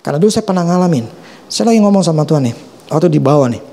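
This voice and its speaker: A middle-aged man preaching, his voice sitting a little high for a man. He talks in loose, slangy speech, swinging his pitch up and down with lively animation. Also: rapid-fire. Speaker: pastor. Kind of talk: sermon.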